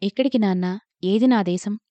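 A woman doing a confused young daughter, hurt and questioning, mellow muffled sound. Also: mid-range voice, moderate pace, no echo, natural voice. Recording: dull lo-fi recording.

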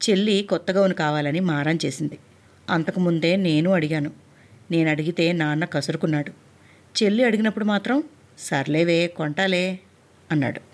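A woman narrating a first-person memoir in an earnest, heartfelt storytelling manner. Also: lowish voice. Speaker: audiobook narrator.

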